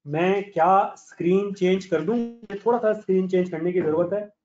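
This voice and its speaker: Blunt, high-voiced male teacher, echoey lo-fi. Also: normal speed, darkish tone, soft background music. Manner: blunt, scolding, calls students by name. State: slightly hoarse voice. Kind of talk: online lecture to students. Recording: echoey, dull lo-fi online class audio.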